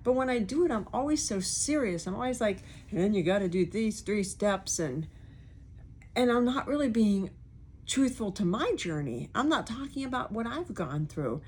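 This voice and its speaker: A woman's voice: mid-range voice, big pitch swings, normal speed, darkish tone, slightly rough. A woman podcast host with a speech impediment on her R's and S's, talking candidly and informally in a rambling personal monologue, acting out remarks she quotes.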